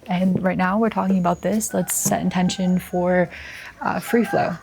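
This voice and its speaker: Young woman vlogger, casual rambling chat at a close mic, gravelly and mellow, faint hiss behind. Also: on the low side, moderate pace. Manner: relaxed, rambling, thinking aloud with many fillers. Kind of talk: casual chat while drawing. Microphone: close microphone.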